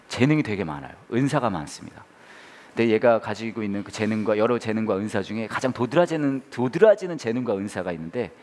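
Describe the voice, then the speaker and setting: A man in his forties preaching a sermon, telling a family story with animated, lively delivery. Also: mid-range voice. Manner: animated storytelling, loud acted outbursts. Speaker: pastor.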